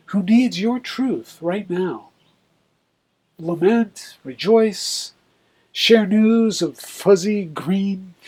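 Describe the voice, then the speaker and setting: Slow husky man reciting a sonnet. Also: high voice, a little mellow. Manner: deliberate, measured verse delivery. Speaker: poet.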